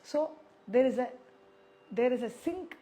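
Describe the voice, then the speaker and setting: A woman's voice: high-pitched, animated, a little slow, warm tone. A woman with a South Indian accent teaching singing, explaining step by step and repeating syllables and phrases to demonstrate. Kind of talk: spoken music lesson with sung syllable demonstrations.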